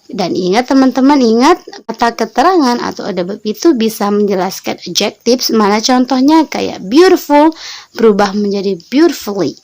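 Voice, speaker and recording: A woman's voice: fairly high pitch, lively intonation, moderate pace, darkish tone. A woman from Lombok, Indonesia, giving an online English vocabulary lesson for beginners. She talks patiently, repeating each word and its meaning and addressing viewers as friends. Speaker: English teacher.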